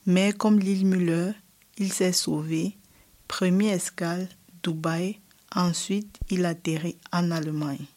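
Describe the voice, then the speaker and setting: A woman presenting a radio magazine in a clear, announcing way. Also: lowish voice, fairly even intonation, unhurried, darkish tone. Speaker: radio host.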